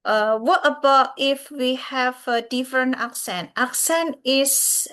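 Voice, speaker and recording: A university lecturer, a woman from Central Java, Indonesia, gives a recorded English lecture in a Javanese accent. Her voice sits high and a bit bright, and she pauses often with "uh" and "yeah," calling the class "everyone."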